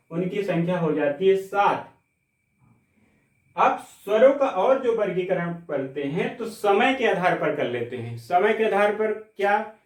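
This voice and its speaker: A man teaching a Hindi grammar class, explaining step by step, checking with the class, and stretching out sounds slowly to demonstrate them. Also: high voice, recorded from a distance. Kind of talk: classroom lecture. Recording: echoey room, mic set back.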